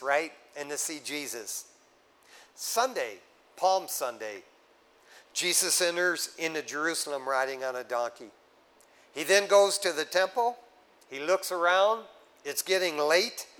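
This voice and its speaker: Speaking at a measured pace, a pastor whose voice is a little high for a man leads his congregation through scripture point by point. His teaching is animated and conversational, peppered with casual asides that keep listeners following along.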